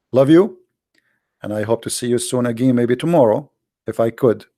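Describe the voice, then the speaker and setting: Here a man with a dark tone and a medium pitch speaks with the Arabic accent of a native Arabic speaker. He's a host and religious polemicist, and his informal monologue is impassioned, blunt and emphatic, with repeated phrases and rhetorical questions. The studio sound is clean, with no room sound.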